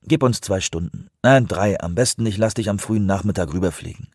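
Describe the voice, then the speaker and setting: A calm, busy male director speaks in a plain, matter-of-fact way, voiced by a man reading aloud. The voice is deep and husky with a dry, close sound. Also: brisk, no echo.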